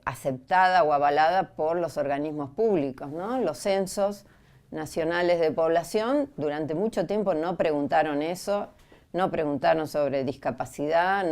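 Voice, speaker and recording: A woman on a discussion panel explains her view thoughtfully. Her voice is low and mellow. She often asks rhetorical questions to check that listeners follow. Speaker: panel guest.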